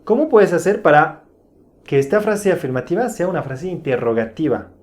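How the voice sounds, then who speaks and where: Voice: mid-range voice, very animated, normal speed, a little mellow. A teacher giving an online language lesson, speaking carefully and modeling pronunciation for the viewer to repeat. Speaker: French teacher.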